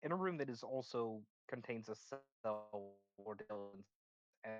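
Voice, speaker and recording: Halting game master on a dull line. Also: male voice, lowish voice, lively intonation. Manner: halting, restarts sentences while recapping. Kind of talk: running an online tabletop game.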